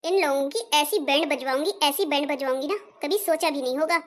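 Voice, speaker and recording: A woman's voice: sits high, brisk, lightly acted. A woman playing a spoiled, bossy young daughter-in-law in a comedy skit, scornful and threatening. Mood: ranting.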